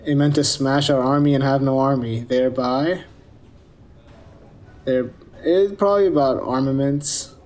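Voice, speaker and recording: A man's voice: mid-range voice, unhurried, long pauses, darkish tone. A man being interviewed, answering hesitantly, unsure and evasive.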